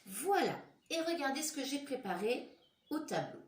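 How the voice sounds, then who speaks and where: A woman teaching young children, slowly dictating syllables and words in a classroom lesson. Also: high-pitched, big pitch swings, reverberant. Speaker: primary school teacher. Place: classroom with a board. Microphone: camera mic.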